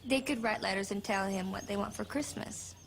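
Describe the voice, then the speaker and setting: Female actor as thoughtful western townswoman, creaky mid-pitched voice, gentle, noisy ambience behind. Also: a little fast, lightly acted. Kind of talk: period western film acting.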